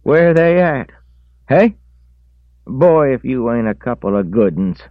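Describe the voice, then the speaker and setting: Man doing a bitter scolding woman, shrill twang, nagging, phone-like audio. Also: big pitch swings, slow, dry recording.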